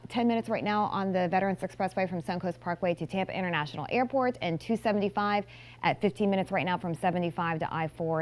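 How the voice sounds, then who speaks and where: A woman reporting traffic on a live morning TV news broadcast, with a brisk, informative delivery. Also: fairly low pitch.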